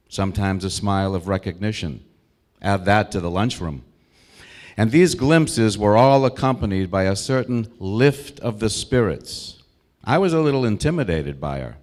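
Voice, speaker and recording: A man in his sixties from Brookline, Massachusetts, speaking with an American accent, gives a prepared eulogy for an old school friend. His voice sits a little low as he shares memories reflectively in short, deliberate phrases.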